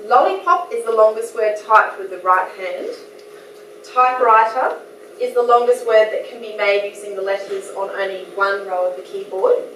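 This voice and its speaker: A woman with an Australian accent, guest lecturing in a lecture hall, gives a chatty, self-deprecating academic talk and laughs between points. Her voice is medium-pitched and fairly bright at a moderate pace. The recording is echoey, with a distant mic and a little hiss or hum.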